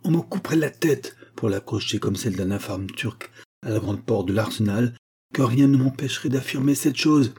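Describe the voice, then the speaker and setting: A man voicing an excitable, loyal male dwarf servant who talks in a breathless, pleading way. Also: mid-range voice, normal speed, breathy edge. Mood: urgent.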